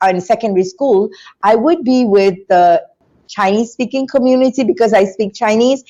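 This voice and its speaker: A woman from Singapore, a guest in an interview, telling her story in an animated, chatty way with frequent restarts. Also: fairly high pitch, normal speed, highs cut off. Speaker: interview guest, business school founder.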